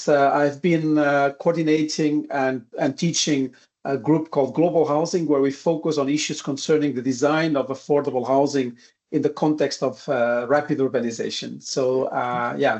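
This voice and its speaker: A man's voice: medium pitch, steady tone, normal speed, darkish tone. A man, an associate professor, introducing himself politely and formally on a video call. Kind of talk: self-introduction.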